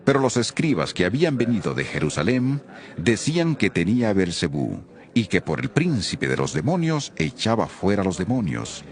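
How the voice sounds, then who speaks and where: A man narrating a Bible reading in a solemn, expressive scripted style. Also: lowish voice, moderate pace.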